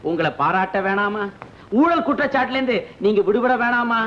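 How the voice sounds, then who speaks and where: A man's voice: very high voice, expressive, moderate pace, a little hiss or hum. An actor playing a crafty political adviser who coaxes his boss persuasively. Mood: coaxing. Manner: persuasive, coaxing. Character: crafty middle-aged male political adviser. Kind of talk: 1970s film acting. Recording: muffled old film soundtrack with music.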